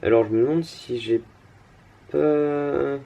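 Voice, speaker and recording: A man's voice: medium pitch, slow pace, creaky, warm tone. A young man casually commenting on his card game as he plays, thinking aloud with lots of fillers and restarts, tired and yawning.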